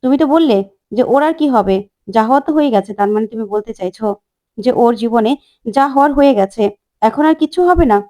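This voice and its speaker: A motherly woman who questions and reproaches, as a narrator puts her on. The voice is mellow and fairly high. She speaks in a storytelling recap. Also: animated, fast talker, lightly acted. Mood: reproachful. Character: motherly woman, sharp-tongued when crossed.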